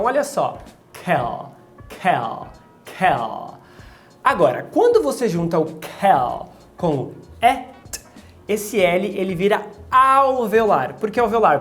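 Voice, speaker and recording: A woman teaching English pronunciation, explaining sounds and repeating them slowly to demonstrate. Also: medium pitch. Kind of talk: explanatory lesson narration.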